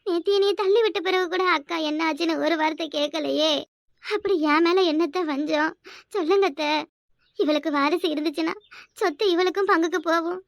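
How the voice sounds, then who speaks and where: A whiny scheming young wife. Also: female voice, very high voice, fairly quick, no echo, studio quality. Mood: sobbing. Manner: whiny, sobbing, self-pitying. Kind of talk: Tamil village cartoon voice acting.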